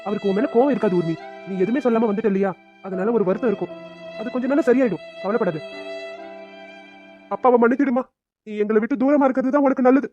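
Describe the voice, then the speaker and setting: Strict cartoon dad, talks fast, kinda dull sound with faint violin music. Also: male voice, very high voice, dark tone. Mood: gentle. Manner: firm, rapid, angry when pushed. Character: stern but loving middle-aged father. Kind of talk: cartoon dubbing.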